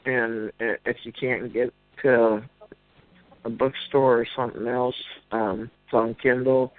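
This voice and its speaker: Caller: man on the phone, halting, gushing, dry tinny line. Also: mid-range voice, flat delivery, no echo, soft background music. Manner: halting, effusive praise with many restarts. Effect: over the phone. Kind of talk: casual call-in chat.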